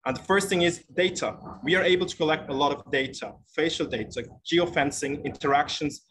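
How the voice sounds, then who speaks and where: A man giving a startup pitch presentation as a founder, speaking from an airport terminal with noise behind him. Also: a little fast, fairly bright tone. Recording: noisy airport terminal background.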